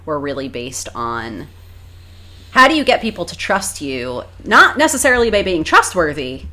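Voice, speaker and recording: A woman co-hosting a podcast as a coach, chatting casually in a frank, animated way and swearing freely. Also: sits low, moderate pace. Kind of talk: casual chat.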